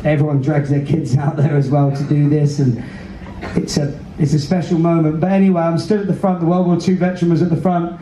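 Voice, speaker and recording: A British cruise director hosting a veterans' event addresses a theater audience from a large indoor stage, earnest, emphatic and emotive, in a level, fairly quick voice that's high for a man with a dark tone. He uses a handheld mic through the PA, filmed from the audience, so he sounds far away and roomy, with faint noise.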